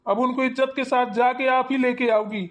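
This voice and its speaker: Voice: high voice, fairly even intonation, normal speed, close to an everyday voice. A performer voicing a grown son in a Hindi cartoon, who reasons with his mother in an earnest, persuasive way. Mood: pleading.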